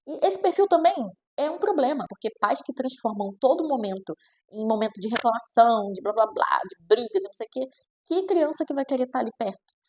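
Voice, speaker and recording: Fast-talking Brazilian woman nutritionist. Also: fairly high pitch, lively intonation. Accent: Brazilian Portuguese. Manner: chatty, with frequent "né?" tags; acts out quoted parents in shifting voices. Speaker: child nutritionist. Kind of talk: reflective casual talk to camera.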